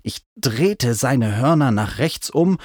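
A man's voice: mid-range voice, lively intonation, slow, a little mellow, no room sound, studio quality. A man narrating a first-person adventure story in a vivid, dramatic reading style. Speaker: audiobook narrator.

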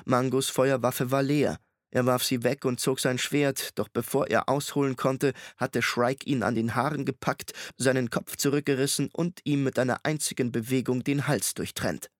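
A man reading an audiobook with measured, dramatic storytelling on a close studio mic. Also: mid-range voice, steady tone, no room sound. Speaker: audiobook narrator. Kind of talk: scripted narration.

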